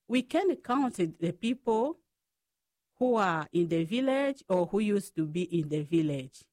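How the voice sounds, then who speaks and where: Slow-speaking Congolese-born woman. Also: medium pitch, dry recording, clean studio sound. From Democratic Republic of the Congo. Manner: slow, careful storytelling. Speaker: guest, Franciscan sister. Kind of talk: radio interview.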